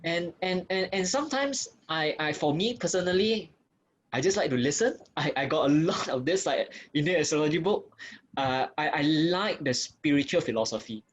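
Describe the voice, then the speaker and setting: A man's voice: on the high side, lively intonation, normal speed. A man with a Singaporean accent in casual conversation, often repeating words and hesitating as he goes. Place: online group call.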